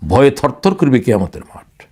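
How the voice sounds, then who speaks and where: A man's voice: mid-range voice, very animated, warm tone, husky. Male lecturer, impassioned religious talk with big swings of emphasis. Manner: dramatic, rising to exclamations, slows to recite quotations. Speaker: Islamic lecturer, former English teacher.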